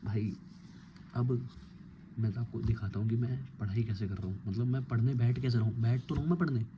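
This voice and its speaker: A young man in his twenties talks quietly, close to a phone, at home late at night. He rambles and pokes fun at himself in a casual vlog, at a middle pitch. A steady hiss of noise sits under the voice. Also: fairly quick, highs cut off. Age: 20s. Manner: hushed, rambling, self-mocking. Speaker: college student vlogger. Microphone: phone held close.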